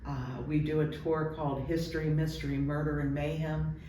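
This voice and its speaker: A man telling stories and explaining things conversationally in an interview, with hesitant pauses. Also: a little high, level tone, warm tone. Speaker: ghost tour company representative and guide trainer. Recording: roomy, distant mic, faint background noise.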